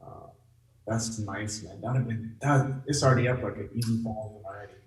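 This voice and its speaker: A man hosting a live trade room, excitable and chatty, addressing the group directly. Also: on the low side, a little fast, echoey room, recorded from a distance, poor audio. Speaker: trade room signal host. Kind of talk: casual live trading chat.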